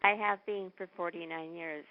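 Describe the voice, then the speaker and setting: Low-voiced hesitant caller on a phone line. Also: female voice, steady tone, moderate pace, no room sound. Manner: hesitant, searching for words.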